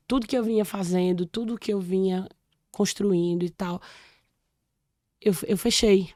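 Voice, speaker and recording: A woman's voice: mid-range voice, mellow, no room sound, clean studio sound. A woman in her forties from Salvador, Brazil, a podcast guest telling a personal story in casual chat, with many restarts.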